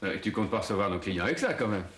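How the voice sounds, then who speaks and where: Flustered teasing husband, lively up-and-down voice, noisy tv sound. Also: male voice, fairly low pitch, racing. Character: awkward young husband, teasing. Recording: noisy TV sitcom audio.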